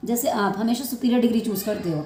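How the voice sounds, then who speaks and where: A woman's voice: a little high, fast, mellow. A woman teaching a chemistry class, explaining with everyday analogies and often checking whether the students follow. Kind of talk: classroom lecture. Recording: echoey room.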